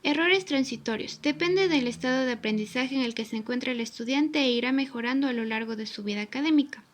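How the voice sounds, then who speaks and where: A young woman with a high voice narrates a recorded class tutorial. She reads from a prepared script at an even, careful pace, laying out definitions and examples one after another. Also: fast talker, slight background noise. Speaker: student presenter. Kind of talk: read-aloud tutorial narration.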